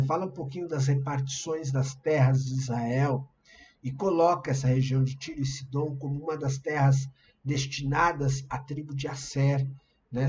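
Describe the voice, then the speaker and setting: A man's voice: medium pitch, a little mellow, dull audio, a little hiss or hum. A man with a Brazilian Portuguese accent preaching a sermon in a conversational, explanatory way to an online congregation. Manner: conversational, explanatory, shares screen slides. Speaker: pastor.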